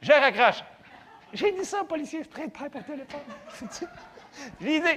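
A man with a Québécois French accent giving a faith testimony in an animated, conversational, self-mocking way. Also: very high-pitched, moderate pace. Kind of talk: storytelling testimony to an audience.

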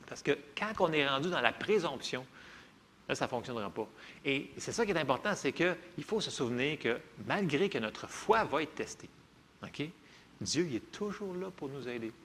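A Québécois pastor preaching a sermon, his voice sitting a little high and swinging widely in pitch. His tone carries a gravelly edge, and he keeps things chatty and lively, checking in with the room as he goes. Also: moderate pace, slight background noise.

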